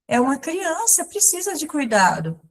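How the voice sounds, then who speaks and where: A woman in her thirties giving a catechism lesson, explaining slowly and simply with many pauses and everyday examples. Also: high voice, very animated. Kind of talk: catechism lesson, spoken alongside sign language.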